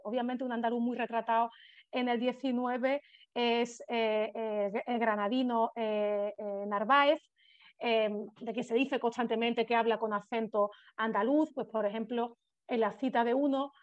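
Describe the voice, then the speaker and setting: A woman giving an academic conference lecture, often pausing with hesitant fillers. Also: on the high side, no echo. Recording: dull dry recording.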